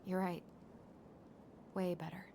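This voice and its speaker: An earnest young woman, low voice. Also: little pitch movement, slow pace. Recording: game audio with ambient noise.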